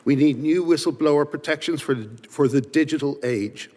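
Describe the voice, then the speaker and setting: A man's voice: fairly high pitch, moderate pace, dark tone. A man from Ireland, giving emphatic prepared testimony at a hearing, built on rhetorical lists. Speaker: witness at a legislative hearing. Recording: reverberant hearing room.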